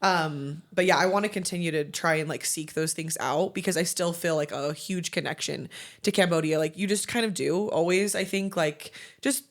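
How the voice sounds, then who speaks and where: A woman's voice: fairly low pitch, normal speed. A young woman in casual podcast conversation, chatty and eager, with frequent likes. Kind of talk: casual interview chat.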